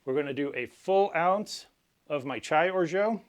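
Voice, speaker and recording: A man hosting a cocktail tutorial, explaining each step in a measured, instructional way. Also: a little high, expressive, clear, resonant tone. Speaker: cocktail channel host. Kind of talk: cocktail recipe tutorial presentation.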